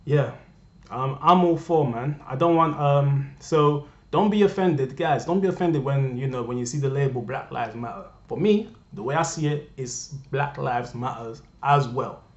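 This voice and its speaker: Speaking into a desk webcam at home, an impassioned young man from Cameroon delivers an earnest personal rant, repeating points and talking straight to his viewers. His voice is medium-pitched at a normal pace, and the echoey living room leaves the audio roomy, dull and lo-fi.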